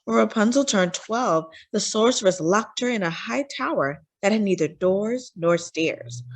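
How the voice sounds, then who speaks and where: A woman with a medium-pitched voice narrates a children's storybook aloud, shaping her phrasing for young listeners and adding dramatic emphasis.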